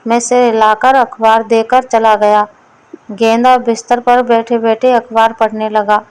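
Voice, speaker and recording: A woman narrating a comic storybook tale in a plain, unhurried reading. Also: on the high side, flat delivery, a little mellow, clear, resonant tone, poor audio.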